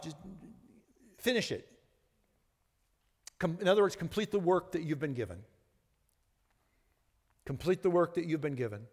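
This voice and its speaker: A man in his sixties preaching a sermon as pastor, earnest, often repeating words, moving between hushed lines and fervent ones. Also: on the high side, big-room sound. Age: 60s.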